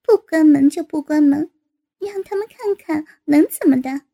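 A woman voicing a brazen, teasing young woman in a read-aloud story, her voice very high and dark-toned. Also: normal speed, creaky. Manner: giggling, teasing.

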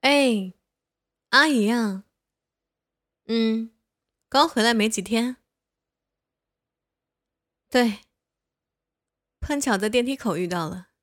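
A woman's voice: fairly high pitch, slow pace, pauses often, fairly bright tone, no room sound, studio quality. A young woman voicing a bossy but caring older neighbor woman who scolds and coaxes the listener in a one-sided audio role-play. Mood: caring, scolding. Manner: playful scolding, coaxing.

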